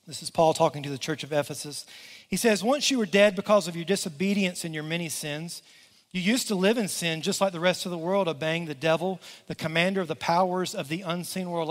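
A man with a high voice preaches to his congregation in a church auditorium. He tells his story with energy and calls on the crowd to join in. His voice rings out with a long reverb from the hall. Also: a bit bright. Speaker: pastor. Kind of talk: sermon.

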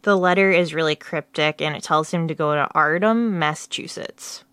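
A woman with a notably low voice co-hosts a casual podcast and talks in a relaxed, chatty way. The recording is dry and close, with no room sound. She laughs easily between her points. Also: normal speed, clean tone, dry recording. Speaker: podcast co-host.

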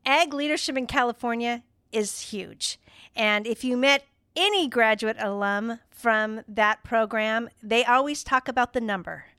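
A woman host with a higher, smooth and clear voice speaks with enthusiasm. Her voice sounds dry and close to the mic as she keeps the chat moving. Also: unhurried, pushed and bright, dry recording. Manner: enthusiastic, promotional. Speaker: podcast host. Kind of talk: casual interview chat.

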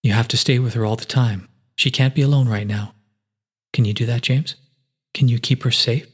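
A man doing a calm, wise guardian figure. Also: mid-range voice, breathy edge, close to an everyday voice. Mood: earnest. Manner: measured, reassuring.

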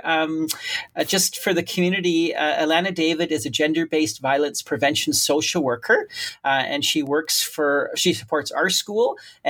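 A man speaking as a school principal and host, giving earnest, welcoming morning announcements and interview questions in a halting way with frequent ums. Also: on the high side, fairly bright tone.

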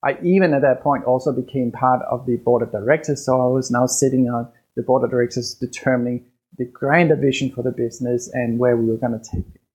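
A man from Denmark with a Danish accent, hosting his own business podcast in a conversational, somewhat halting way. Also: medium pitch, steady tone, a little mellow, breathy edge. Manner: hesitant, with fillers and restarts, conversational. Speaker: podcast host and business coach. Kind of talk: solo podcast monologue.

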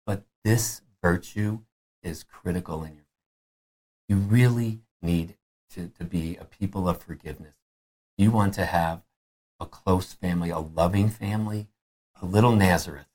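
A man in his fifties with a deep, low voice, giving a conference talk about family faith. He speaks earnestly and conversationally, urging his listeners on. The tone is warm and exhorting. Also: a little slow, long pauses.

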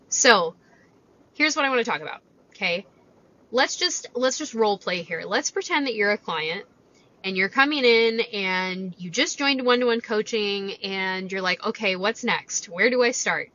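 A woman's voice: mid-range voice, fairly bright tone. A woman talking casually as a fitness coach and podcast host, explaining things conversationally and checking in with rhetorical questions, recorded inside a parked car. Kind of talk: casual solo podcast talk, coaching advice. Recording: slightly dull lo-fi car recording.

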